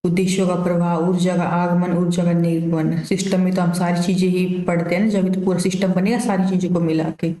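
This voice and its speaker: A woman teacher walks through revision questions in a low, flat voice. Her tone is mellow and unhurried, and she explains casually with memory tricks. The room gives her voice a noticeable echo. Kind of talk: exam revision lesson.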